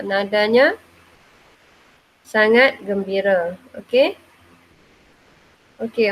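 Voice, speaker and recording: A woman's voice: on the high side, rough recording. A woman teacher giving a grammar lesson, who says "okay" again and again as she explains step by step. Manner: says "okey" often, slow and explaining. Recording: faint background noise.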